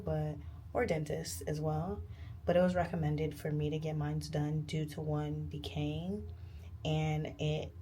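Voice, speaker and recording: A woman's voice: low-pitched, dark tone, a little hiss or hum. A woman chatting casually to camera as a vlogger, candid, informal and slangy.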